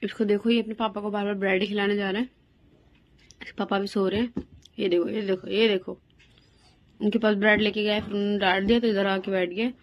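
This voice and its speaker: A woman's voice: medium pitch, level tone, fairly quick, long pauses. A young woman vlogging at home about her day, chatty and talking to her toddler in a sing-song voice. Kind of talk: casual home vlog. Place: home rooms, indoors.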